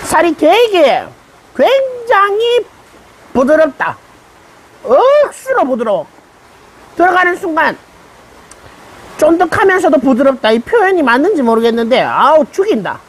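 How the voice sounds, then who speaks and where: A high, lively woman's voice, talking through a mouthful of hot food. She savors each bite and breaks into exclamations as she eats in a restaurant. Her pitch swoops up and down as she reacts. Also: unhurried, long pauses, a little hiss or hum, low-quality recording. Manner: savoring, exclaiming between bites. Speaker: mukbang vlogger. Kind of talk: casual eating commentary. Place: restaurant, indoors.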